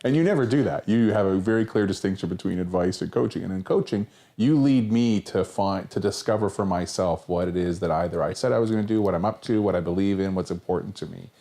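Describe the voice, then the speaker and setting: A man's voice: deep voice, fast talker, vocal fry, few pauses, dark tone. A man who is a longtime coaching client, speaking as a guest in a casual chat and agreeing often. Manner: agreeable, frequent short affirmations. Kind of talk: casual conversation.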